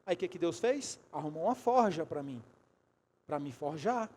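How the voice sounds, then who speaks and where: Animated high-voiced Brazilian preacher. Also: male voice, normal speed. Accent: Brazilian Portuguese. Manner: animated, acts out dialogue, swings from hushed to loud. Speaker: bishop. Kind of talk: sermon with storytelling. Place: church sanctuary.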